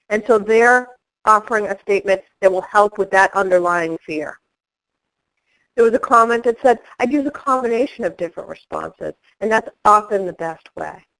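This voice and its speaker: Woman with a fairly high voice, presenting a training webinar. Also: fairly bright tone, poor audio.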